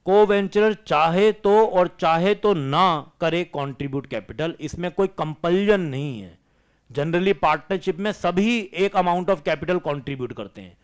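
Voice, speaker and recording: A man's voice: a little high, lively intonation, smooth. Indian male teacher dictating notes. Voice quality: Hindi-English code-mixing. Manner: slow dictation of notes, asks the class questions. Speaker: commerce teacher. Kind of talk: classroom lecture, dictating notes.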